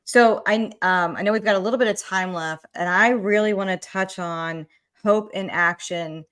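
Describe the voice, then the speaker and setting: A woman's voice: medium pitch, moderate pace, a bit bright, clear, resonant tone. A woman hosting a podcast, chatting in an upbeat way with her guest. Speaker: podcast host. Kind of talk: casual interview talk.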